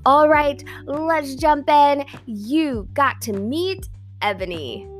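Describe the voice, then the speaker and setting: A woman's voice: high-pitched, lively intonation, slow, soft background music. A woman hosting a casual podcast, chatty and giggly with plenty of ums. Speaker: podcast host.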